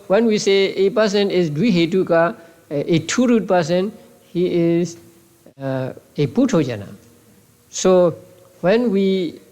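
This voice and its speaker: Older male monk, Burmese accent, somewhat high voice, patient halting lecturer who repeats words. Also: a little mellow. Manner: halting, repeats words, many restarts and uh's. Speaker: Buddhist monk teaching a class. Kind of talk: classroom lecture. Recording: old tape recording of a class.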